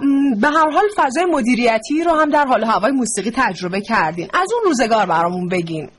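A woman hosts an interview and asks her questions politely, with respect. Her voice sits high, and there is faint noise in the background. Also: very animated. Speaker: host.

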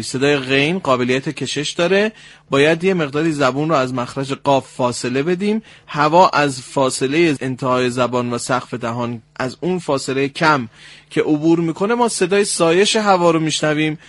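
A man hosting a radio program, calmly correcting a caller's recitation and demonstrating sounds. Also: fairly high pitch, no room sound. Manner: explains points slowly, demonstrates sounds. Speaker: radio host and Quran recitation teacher. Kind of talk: instructional radio talk.

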